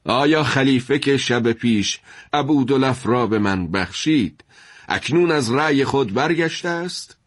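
A man's voice: mid-range voice, lively intonation, no echo, clean studio sound, pitched above the performer's own voice, natural voice. A man voicing a proud, towering male general in a spoken story, sounding haughty and defiant.

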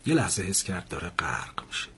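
A man with a low, slightly rough voice and noticeable vocal fry narrates a story out loud. He's a lively teller who gives each character in the dialogue their own voice.

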